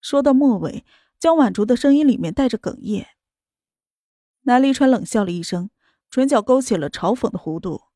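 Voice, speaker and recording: Female audiobook narrator, warm and high, dry studio sound. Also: lively intonation, normal speed, pauses often, dry recording. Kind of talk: scripted romance narration.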